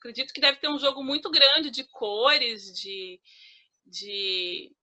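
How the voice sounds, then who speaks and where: A woman's voice: on the high side, slow pace, sharp tone. A woman from Brazil, a writer, leading a creative writing workshop in a loose, chatty way, full of fillers and restarts, laughing easily as she explains. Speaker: author of children's stories and poems. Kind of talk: informal teaching talk.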